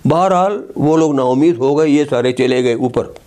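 A man's voice: mid-range voice, moderate pace, a little mellow. An older man with a Pakistani Urdu accent recounting an anecdote, peppering his speech with honorific fillers. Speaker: storyteller.

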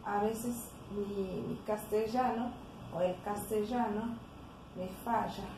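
A young Haitian woman with a Haitian accent, a fitness vlogger, leads a casual home workout in her living room. Her mid-range voice stays steady but slow, and she's tired, puffing breathily between cues. A camera on the floor nearby picks her up in an echoey room with background noise.

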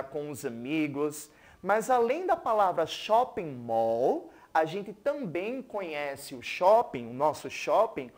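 Brazilian Portuguese accent, school TV teacher, unhurried, very expressive pitch, keeps checking in with the class. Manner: patient, keeps checking with "né?" and has viewers repeat words. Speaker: English teacher. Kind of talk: televised school lesson.

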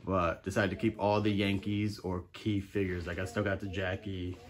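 A middle-aged man gives an informal, slangy room tour of a carpeted room in his home, filming on a handheld phone. His voice is low with little pitch movement, and he talks at a moderate pace.

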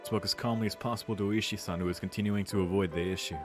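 A fairly low, steady male voice moves fast through a visual novel read-aloud for a stream. Let's-play narration mixes with casual, cursing remarks between passages, set against game music.

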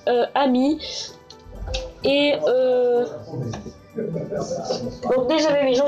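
The sound is lo-fi as a woman with a high, mellow voice, stuffy-nosed from a cold, rambles casually through gameplay commentary full of fillers and restarts. She hosts a gaming channel and is lying down in a small bedroom with an echo. A handheld console camera picks her up over game music.

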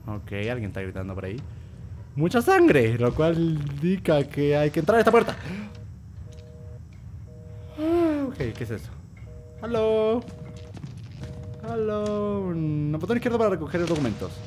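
Jumpy, lively horror-game streamer man. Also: a little high, quick pace, hardly any pauses, soft background music. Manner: jumpy, yelps and screams at scares, talks himself through each move. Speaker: gamer playing a horror game. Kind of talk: casual let's-play commentary.

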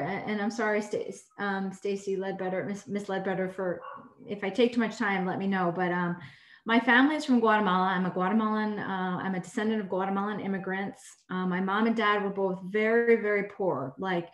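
A woman who is a clinical instructor and surgeon, talking casually and warmly to medical students on a video call, rambling and correcting herself as she goes. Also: medium pitch. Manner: warm, rambling, self-correcting. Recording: echoey room on a video call.

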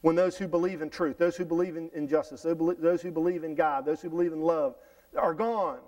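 A middle-aged man preaching a sermon in a church, reading scripture aloud and explaining it with lively restarts and repeated words. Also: a little high, fairly quick, far from the mic, poor audio. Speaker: pastor. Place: church sanctuary stage, indoors. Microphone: headset mic.

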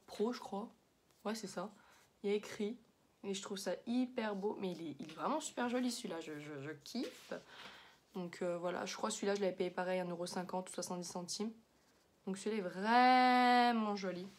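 A woman's voice: medium pitch, a little hiss or hum. A young woman chatting casually through a makeup haul, with many fillers and slang words. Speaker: beauty vlogger.

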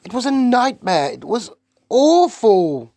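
A woman's voice: a little high, big pitch swings, slow, warm tone, dry recording, studio quality, voice pushed up, heavily acted. A narrator voicing an older queen who is upset by a terrible nightmare, crying out and shaken. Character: older queen, distressed sleeper.

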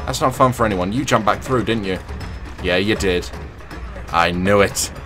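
A man's voice: on the low side, normal speed, music in the background. A young man casually commentating his own gameplay, chatty and jokey, sometimes teasing the other players. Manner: chatty, jokey, taunts opponents in a sing-song voice. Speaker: gaming channel host.

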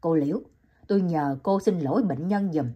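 A woman's voice: fairly low pitch, moderate pace, husky, muffled recording. A woman voicing a stern young male doctor in an audiobook, giving firm, clipped orders. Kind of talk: audiobook reading.

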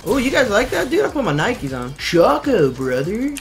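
A male streamer commentates his own game live, slangy and foul-mouthed with sudden excited shouts. His pitch swings widely. Clear game music plays under his voice. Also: moderate pace. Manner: excitable, slangy, swearing, frequent yelps.

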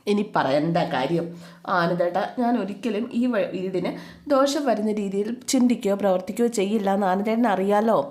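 A woman's voice: medium pitch, a little fast, darkish tone, close to an everyday voice. A woman voicing a tearful, self-pitying young wife who pleads and reproaches her husband in a retold family story. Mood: pleading.

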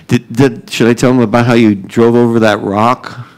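Middle-aged male preacher, unhurried, self-deprecating humor woven into sermon. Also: mid-range voice, steady tone, poor audio. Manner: joking, self-deprecating, laughs often. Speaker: pastor.

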